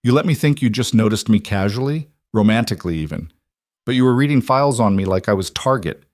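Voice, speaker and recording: A man reading a young woman's lines in a story, speaking in a sharp, accusing way with a raised voice. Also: fairly low pitch, animated, fast talker, no room sound, clean studio sound, close to an everyday voice. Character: young woman, wary bride, hurt and angry.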